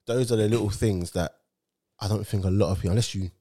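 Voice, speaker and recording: This man hosts a casual football chat interview in an urban London roadman accent, slangy and matey. His voice is fairly low and steady, fast and warm.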